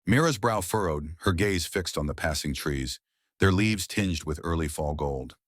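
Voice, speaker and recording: A man narrating a family drama story in a measured, dramatic way. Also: low voice, animated, no echo, clean studio sound. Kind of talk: scripted narration.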